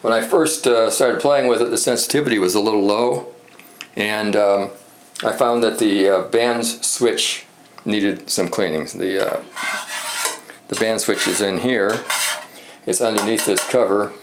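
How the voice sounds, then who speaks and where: A low-voiced man rambles in an echoey room with background noise, halting and thinking aloud. He's a hobbyist presenter demonstrating a vintage radio repair in a casual, unscripted show-and-tell.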